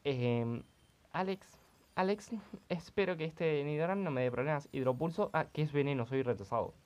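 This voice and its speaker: A young man giving crude, excitable gaming commentary, swearing often. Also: on the high side, normal speed. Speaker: let's play host.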